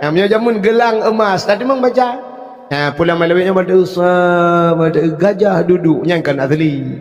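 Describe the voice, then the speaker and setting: A man with an Acehnese accent preaching a humorous sermon, telling stories in a lively way with sudden shouts. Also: high-pitched, normal speed. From Aceh, Indonesia. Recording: long hall reverb.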